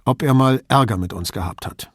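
A man reading an audiobook, voicing a firm, dryly ironic male police commissioner giving brisk instructions. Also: mid-range voice, slightly rough, no room sound, studio quality, close to an everyday voice.

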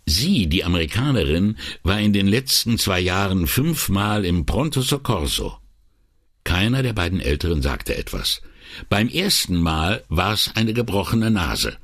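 Deep husky guy reading an audiobook, really lively delivery, dry studio sound. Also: a little slow, no echo. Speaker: audiobook narrator. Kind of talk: scripted narration.

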